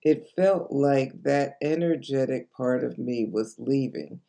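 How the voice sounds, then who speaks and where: A woman's voice: a bass voice, gravelly, warm tone. A woman in her late sixties, a life coach, talking to camera in an earnest, encouraging way. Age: 60s. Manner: earnest, encouraging, slow and deliberate. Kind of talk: direct-to-camera vlog.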